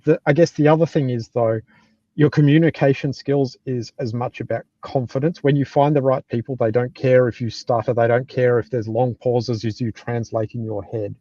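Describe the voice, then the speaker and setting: A middle-aged man with an Australian accent giving casual, blunt advice and anecdotes, sometimes halting as he thinks aloud. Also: mid-range voice, fairly even intonation, mellow, no room sound. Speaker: tech team lead giving career advice. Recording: dull, lo-fi, close dry sound.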